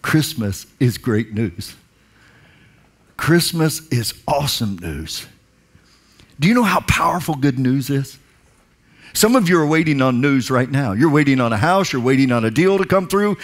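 A pastor in his forties delivers a sermon from a large indoor stage, speaking into a headset mic. His delivery swings between quiet, hushed lines and loud, emphatic calls to the congregation. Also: medium pitch, expressive, measured pace.

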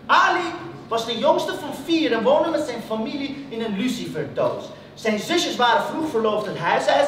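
A man performing a spoken-word story on stage, animated and emphatic. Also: very high voice. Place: stage in a hall. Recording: echoey stage, from far off, room noise.

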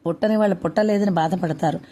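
A woman author narrating her own short story, reading in a plain, steady way. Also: fairly low pitch, fast talker, slight background noise.

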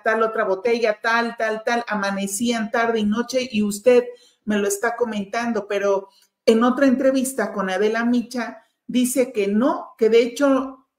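A woman interviewer, asking measured, probing questions. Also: a little high, reverberant.

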